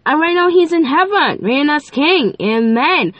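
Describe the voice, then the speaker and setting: A teenage girl with a high, expressive voice and a lilt chats at normal speed on her casual faith podcast, bubbly and playful, with lots of fillers and giggly asides. A cold makes her sound stuffy and nasal. The audio is dull, close-miked in a dry, dead space with no echo.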